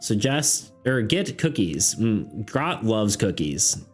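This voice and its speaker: A man's voice: lowish voice, big pitch swings, slow pace, slightly rough. A man running a tabletop game on a live stream, rambling casually, laughing often and asking his chat for ideas. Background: faint background music.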